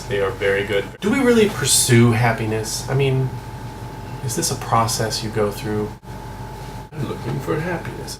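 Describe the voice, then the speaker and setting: An American man vlogging in a casual, musing way, often asking himself questions. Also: lowish voice. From United States. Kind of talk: casual vlog monologue to camera. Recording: echoey room, mic at a distance, air conditioner hum.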